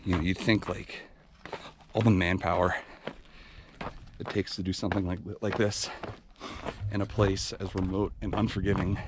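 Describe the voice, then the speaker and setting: A man vlogging while hiking a remote canyon trail, talking in a relaxed, rambling, half-whispered way. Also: deep voice, normal speed, long pauses, noisy background. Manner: relaxed, rambling, lots of fillers. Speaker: trail runner vlogging a hike. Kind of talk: casual outdoor vlog narration.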